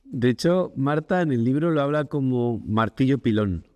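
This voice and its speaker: A man co-hosting a casual podcast, speaking calmly and reflectively. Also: mid-range voice, normal speed, dry recording. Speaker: podcast co-host.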